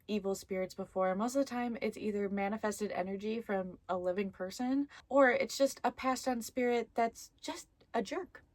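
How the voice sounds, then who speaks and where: A fairly high-pitched woman with a sharp tone hosts a haunted doll story video, captured in a dry recording. It's a relaxed, chatty vlog in which she reads stories and teases both viewers and the objects around her.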